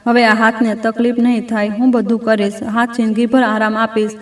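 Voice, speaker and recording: A remorseful, devoted husband from a storybook, begging his wife earnestly for another chance, as a woman narrator puts him on. The voice sits high and level, with little rise and fall. It sounds distant and roomy, as if recorded away from the mic. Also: level tone, fairly quick, close to an everyday voice. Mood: pleading. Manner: earnest, pleading. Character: remorseful rich husband, middle-aged man, devoted.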